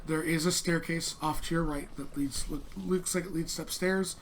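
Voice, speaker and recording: A man narrating an improvised tabletop game as game master in a halting, conversational way. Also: a little high, fairly even intonation. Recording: clearly noisy room.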